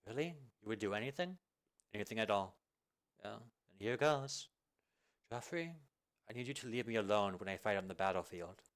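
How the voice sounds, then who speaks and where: A man voicing a gentle young princess who speaks softly and hesitantly. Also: on the low side, expressive, moderate pace, long pauses. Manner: soft and hesitant. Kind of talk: amateur video game fan dub.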